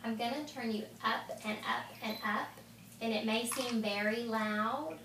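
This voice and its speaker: A woman audiologist giving calm, patient instructions and reassurance as she switches on a hearing implant. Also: a little high, unhurried. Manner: calm, reassuring, checks in often. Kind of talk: clinical instructions. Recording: echoey room, mic at a distance, background noise.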